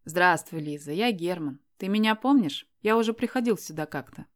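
A woman's voice: on the low side, animated, normal speed, lightly acted. A woman voicing a self-assured young man in an audiobook, teasing and insistent as he presses a shy girl to go out with him. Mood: coaxing.

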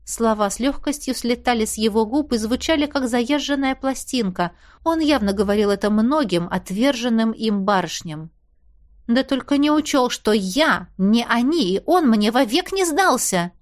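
A woman reads a fairy-tale audiobook in the first person. Her voice sits fairly high, and her reading is lively and expressive. She tells the story in a polished, scripted way. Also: normal speed. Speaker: audiobook narrator.

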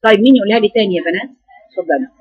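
A woman's voice: mid-range voice, expressive, rapid-fire, slightly rough, highs cut off. A woman with an Egyptian accent teaching Quran recitation. She corrects her students firmly and repeats sounds to demonstrate them. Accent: Egyptian Arabic.

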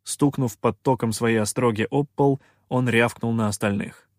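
A man reads a first-person fantasy audiobook in a measured, expressive way, his voice sitting at a middle pitch. The recording is close and completely dry, with no room around it. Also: dry recording. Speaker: audiobook narrator.

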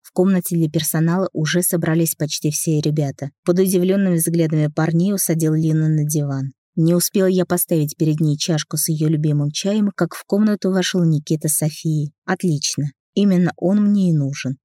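Low, dark-voiced woman narrating an audiobook. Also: steady tone, fairly quick, few pauses, no room sound, clean studio sound. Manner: reads a man's first-person story, voicing the characters lightly. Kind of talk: first-person audiobook narration with dialogue.

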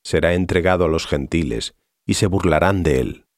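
A man voicing Jesus as a calm, solemn teacher, measured in delivery, in an audiobook reading. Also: deep voice, dry recording, clean studio sound.

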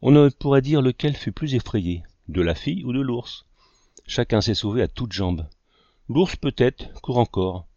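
A man's voice: medium pitch, measured pace, no room sound, highs cut off. A man reading as a teasing older uncle. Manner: deadpan teasing.

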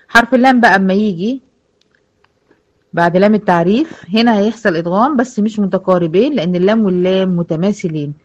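A woman's voice: lowish voice, a little mellow. An Egyptian woman gives a tajweed lesson to her female students. She speaks patiently, poses questions and then answers them herself. The recording sounds muffled and lo-fi. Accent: Egyptian Arabic. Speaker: Quran recitation teacher.

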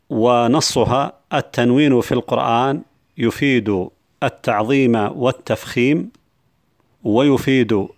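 A male lecturer giving a measured religious lesson, pausing often with hesitations and slowing down to quote examples. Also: medium pitch. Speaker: lecturer on Quran reflection.

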